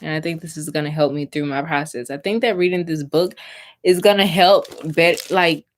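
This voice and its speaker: A young woman talks casually into her livestream, her voice sitting on the lower side. She chats straight to her viewers and reads aloud from a book, sometimes tripping over a word before starting it again. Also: steady tone, moderate pace. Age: young adult. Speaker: livestream host.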